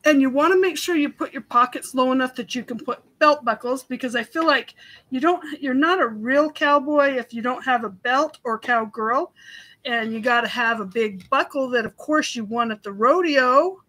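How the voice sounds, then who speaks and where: A woman's voice: sits high, moderate pace, fairly bright tone, poor audio. A woman hosting a live craft tutorial, chatty and giggly, laughing often as she explains each step. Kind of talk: live craft demonstration chat.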